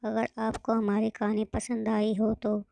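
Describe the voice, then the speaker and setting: Lady reading out a sad story, gravelly voice, dry close sound. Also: fairly high pitch, monotone, unhurried, dark tone, no room sound. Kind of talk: scripted story narration.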